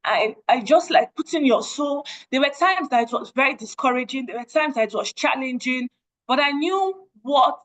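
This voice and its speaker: A young woman with a Nigerian accent speaks in earnest, sharing a personal testimony with a group online. Her voice sits fairly high, and she leans on repeated phrases to drive her points home. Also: fairly bright tone, muffled recording. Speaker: guest speaker. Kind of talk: testimony talk at an online meeting.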